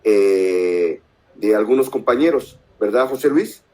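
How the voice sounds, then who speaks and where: A man moderating an online academic talk. His voice is fairly low, and he speaks calmly and unhurriedly. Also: unhurried. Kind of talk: moderating a discussion.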